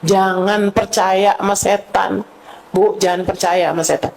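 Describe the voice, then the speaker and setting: A woman's voice: mid-range voice, fairly even intonation, a little slow, gravelly, a little mellow. A middle-aged woman preacher giving a sermon to a women's gathering, casual and colloquial, mixing in Arabic quotations and rising into emotional, pleading prayers.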